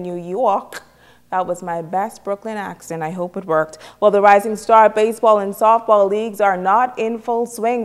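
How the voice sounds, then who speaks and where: A Bahamian woman anchoring sports news in a light, joking manner. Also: medium pitch.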